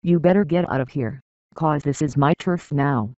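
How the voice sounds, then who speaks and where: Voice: mid-range voice, moderate pace, darkish tone, dry recording, muffled recording. A computerized text-to-speech voice playing a cocky cartoon S logo, taunting and boastful.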